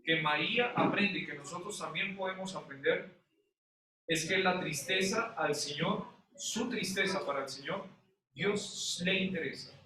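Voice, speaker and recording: A male pastor preaches to his congregation, asking them questions in an animated way. His high voice comes across bright and forceful. He is recorded from a distance, and the church hall around him echoes heavily. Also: a little slow. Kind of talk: sermon. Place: church sanctuary.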